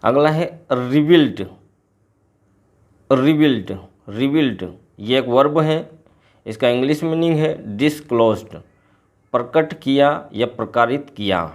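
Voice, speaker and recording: Man, teacher, repeats each word slowly, middle pitch. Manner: repeats each word slowly, then gives English and Hindi meanings. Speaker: English teacher. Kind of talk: explaining a poem's glossary word by word in a lesson.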